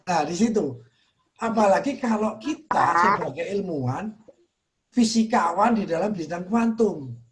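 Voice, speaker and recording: Earnest high-voiced Indonesian man teaching. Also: expressive, measured pace, slight background noise. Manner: earnest, repeats phrases softly for emphasis. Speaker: Islamic teacher. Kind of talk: religious study talk.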